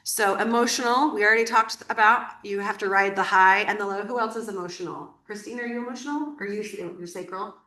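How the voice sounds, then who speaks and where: A woman's voice: mid-range voice, fairly quick, hardly any pauses, pushed and bright. A woman teaching a small group in a casual, chatty way, laughing often and using many fillers. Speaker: workshop teacher. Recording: echoey room.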